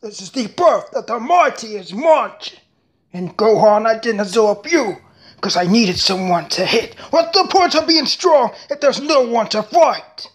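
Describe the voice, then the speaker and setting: A man's voice: very high-pitched, lively intonation, measured pace. A man switching impression voices between hot-blooded anime fighters and taunting villains. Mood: gloating.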